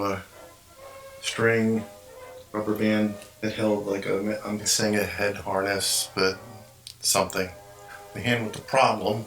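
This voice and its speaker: Man, low voice, bright forceful tone, rambling show-and-tell, echoey room, faint music behind. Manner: rambling, explains as he handles the puppet. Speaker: ventriloquist and puppet collector. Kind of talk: casual show-and-tell vlog.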